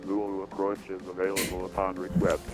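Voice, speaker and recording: A man reading an automated airport weather broadcast in an even, measured delivery, listing wind, visibility, ceiling and runway numbers. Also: sits low, over music. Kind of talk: recorded information readout.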